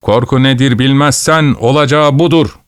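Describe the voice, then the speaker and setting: A grim old soldier with a blunt, matter-of-fact way of talking, as a male narrator puts him on. He sounds dry and close, with nothing of the room around him. This is a storybook reading, low-key and unhurried. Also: smooth, dry recording, natural voice.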